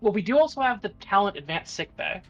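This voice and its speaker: A woman's voice: mid-range voice, animated, fast talker, faint music behind. Woman player on a dull lo-fi mic. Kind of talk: tabletop role-playing game talk.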